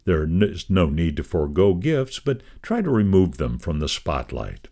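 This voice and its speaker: A man giving a measured, expressive scripted reading of a devotional magazine column. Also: sits low, creaky.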